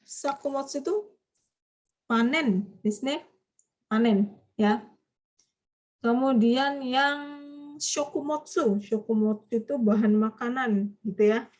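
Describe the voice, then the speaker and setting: A woman's voice: fairly high pitch, slow, long pauses, darkish tone. A woman teaching a Japanese vocabulary class online, chatty and quizzing her students. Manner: chatty, quizzing students, frequent light laughs.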